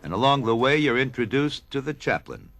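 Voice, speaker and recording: A man's voice: medium pitch, sing-song, a little fast, a bit bright, slight background noise. A man reading scripted documentary narration as the narrator.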